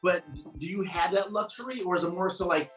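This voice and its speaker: Soft background music accompanies this casual call interview, hosted by a man from his northern New Jersey home. He rambles enthusiastically, packing in fillers and eager asides. His high voice is a bit bright and fairly quick.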